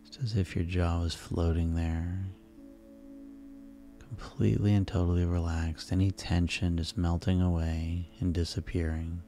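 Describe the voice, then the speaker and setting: A man leads a guided sleep hypnosis in a soft, soothing way. His voice is deep and mellow, with very little rise or fall. He takes his time, pausing between calm phrases. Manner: soft, soothing, unhurried delivery with pauses. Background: relaxation music.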